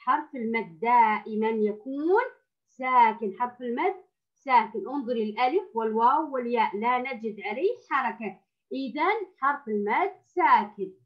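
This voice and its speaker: A woman with a high voice teaches a reading lesson to young girls, drawing out each sound and repeating it patiently. The recording is dull and lo-fi. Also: animated. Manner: stretches sounds and words slowly for young pupils; addresses the class as girls, with patient repetition. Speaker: primary school teacher.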